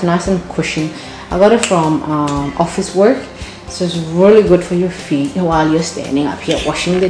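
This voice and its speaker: Her voice is mellow and on the low side as she casually shows off her home on a phone held in hand. She's chatty and effusive, doubling up words to stress them, and the bright tiled rooms echo over the background music.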